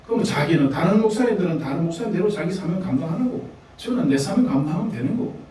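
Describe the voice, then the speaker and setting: A man's voice: on the high side, expressive, quick pace, mellow, heavy reverb, recorded from a distance, rough recording. A man with a Gyeongsang Korean accent preaching a sermon, talking conversationally to the congregation with laughs and asides. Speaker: pastor. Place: church sanctuary.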